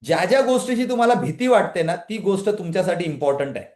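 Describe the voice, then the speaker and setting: Speaking quickly in a high-pitched voice, a man delivers an energetic motivational talk during a live online women's empowerment session, and the room echoes. He keeps posing questions and asking viewers to type their answers in the chat.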